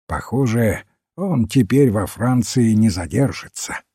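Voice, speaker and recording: A man's voice: on the low side, expressive, a little slow, dark tone, husky, no echo, clean studio sound. A man playing a proud, eager duke.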